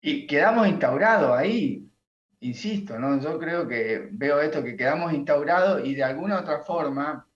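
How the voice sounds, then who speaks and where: A man, a coach and guest, talking in a reflective, unhurried way and often adding a questioning tag. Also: on the high side, expressive, reverberant, dull audio. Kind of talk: reflective conversation.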